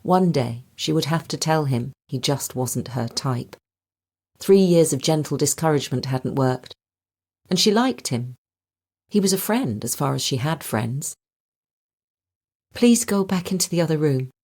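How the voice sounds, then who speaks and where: A woman narrating a crime novel audiobook in a measured, even storytelling manner. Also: rumbling low, breathy edge. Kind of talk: scripted narration.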